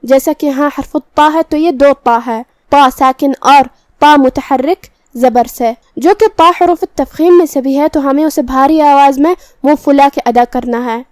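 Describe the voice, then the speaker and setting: High-voiced woman teaching recitation rules. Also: a little mellow, no echo. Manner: patient, methodical, explains each letter rule. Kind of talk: tajweed lesson with explanation.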